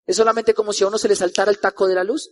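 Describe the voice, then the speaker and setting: A man with a Colombian accent quoting a calm male doctor who breezily downplays serious news. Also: sits high, racing, natural voice. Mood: breezy.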